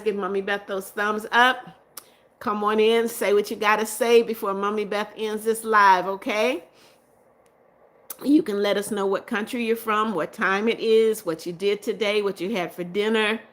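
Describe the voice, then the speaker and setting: Reading out comments from her viewers, this middle-aged host of a casual livestream replies with warmth and laughs a lot. She speaks at a medium pitch with fairly even intonation and a slightly slow pace.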